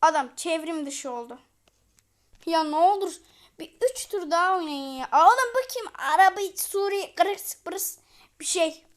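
A woman giving live gameplay commentary as a channel host, excitable and chanting repeated words at the game while talking to the viewers as friends. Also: extremely high pitch, unhurried.

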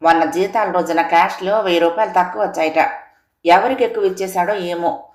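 A woman voicing a married son who speaks in a measured, mildly reproachful way. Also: on the low side, darkish tone, reverberant, natural voice.

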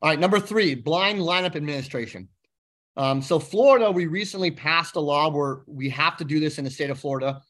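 A man giving a lecture as a university instructor to law students. He explains step by step, often filling pauses with "um" and checking in with "okay?". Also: a little high, fairly bright tone. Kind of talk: lecture presentation.

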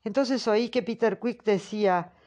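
A woman reading the part of a frightened young woman answering questions, in a soft, hesitant way. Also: mid-range voice, measured pace, lightly acted. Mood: fearful. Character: frightened young woman witness, timid and polite. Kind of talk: audiobook character reading.

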